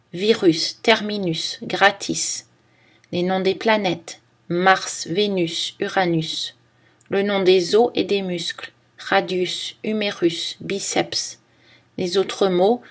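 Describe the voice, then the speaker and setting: Slow, careful woman teaching pronunciation. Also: mid-range voice. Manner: careful, measured, reads word lists one by one. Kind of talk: scripted pronunciation lesson.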